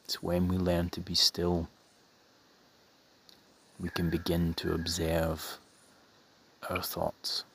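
A man softly leading a guided meditation in a breathy, soothing half-whisper, with measured phrases and long pauses. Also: low-pitched, monotone.

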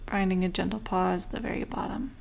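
A female meditation coach talks listeners through their breathing in a slow, soothing manner, pausing long and letting her breathy voice sink toward a whisper. Her voice is lowish and a little mellow, with little pitch movement and a faint hiss or hum.

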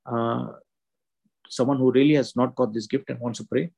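A man with a gravelly, creaky voice leads a prayer meeting over a video call. His tone is husky and a little rough at the edges. He prays fervently, circling back over the same phrases. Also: mid-range voice, fairly even intonation, moderate pace, darkish tone, low-quality recording. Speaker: prayer leader. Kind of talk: leading an online prayer meeting.

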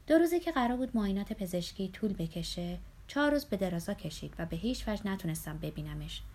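Woman narrating a novel, measured. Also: medium pitch, a little mellow. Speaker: audiobook narrator. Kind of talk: first-person novel narration.

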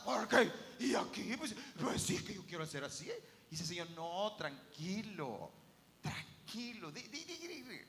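A man preaching a sermon in a church hall, telling stories with lively acted-out voices. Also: very high voice. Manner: animated storytelling, acts out quoted voices.

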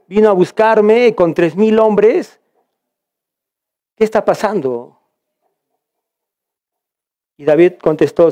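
A man's voice: high-pitched, warm tone, no room sound. A man from Peru leading a church Bible study, reading scripture aloud and explaining it with frequent restarts.

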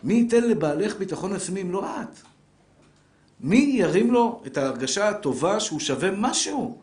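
Middle-aged male rabbi, slightly high voice, lively lecturing manner, live audience, roomy echo. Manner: lively, talks straight to listeners with rhetorical questions. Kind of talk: live Torah lesson to an audience. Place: lecture room with a seated audience. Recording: roomy echoing room.

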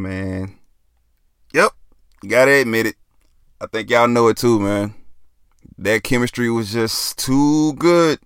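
A man's voice: medium pitch, vocal fry, a bit bright, no echo, studio quality. A young man, talking casually as a podcast host, laid-back and joking, often dropping "man". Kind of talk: casual solo podcast talk.

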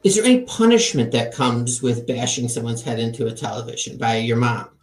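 A man's voice: medium pitch, very animated, brisk, roomy sound. A man hosting an interview, asking curious, chatty questions with plenty of fillers. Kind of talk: casual interview chat.

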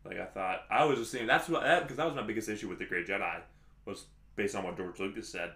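A man's voice: on the low side, fast, pushed and bright, reverberant. A man co-hosting a podcast in casual chat, rambling with many restarts and fillers. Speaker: podcast co-host.

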